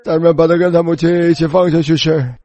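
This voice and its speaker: A man's voice: on the high side, level tone, quick pace, mellow, muffled recording. A man preaching and telling a personal testimony in an emotional, pleading, tearful way.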